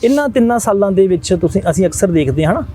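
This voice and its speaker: A man's voice: high-pitched, animated, rapid-fire, mellow, slightly rough. A man hosting a TV interview, attentive, murmuring agreement and asking long, winding questions. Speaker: TV talk show host.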